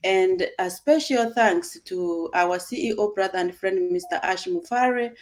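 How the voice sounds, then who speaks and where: A woman's voice: mid-range voice, a little mellow. A woman hosting an online video chat with friends, speaking earnestly and welcoming her guests. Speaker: host.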